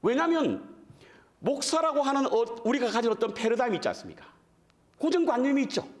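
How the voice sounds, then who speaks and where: A man's voice: very high-pitched, a little fast. A man preaching a revival sermon as guest preacher, in a conversational style that keeps putting questions to the congregation. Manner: animated, addresses the congregation with frequent questions; conversational, self-deprecating asides.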